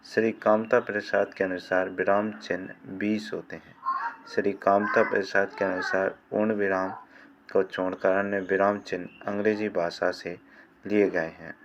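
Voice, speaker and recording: A man reading a grammar lesson aloud in a measured way, going through definitions and examples one at a time. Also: low-pitched, little pitch movement. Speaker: teacher. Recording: muffled lo-fi with faint hiss.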